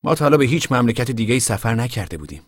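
A man's voice: medium pitch, big pitch swings, no room sound, studio quality, voice pushed up. A man doing a thoughtful young farm son. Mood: reflective.

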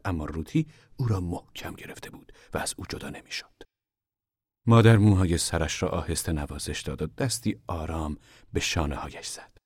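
Male narrator reading a story, steady and even, dry close sound. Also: deep voice, slightly rough, dry recording. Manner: calm, measured storytelling. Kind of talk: audiobook reading.

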